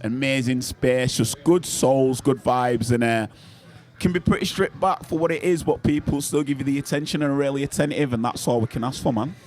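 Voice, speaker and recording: Yorkshire bloke from bradford, musician guest, upbeat, slangy, swears a bit. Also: male voice, medium pitch, fairly quick, a little mellow. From Yorkshire, England. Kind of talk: casual chat. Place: venue bar.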